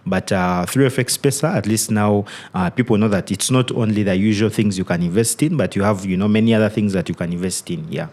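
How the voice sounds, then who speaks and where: Male guest educator, somewhat low pitch, halting conversational delivery. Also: a little mellow. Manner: thoughtful, halting with restarts and "you know". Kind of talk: casual podcast interview.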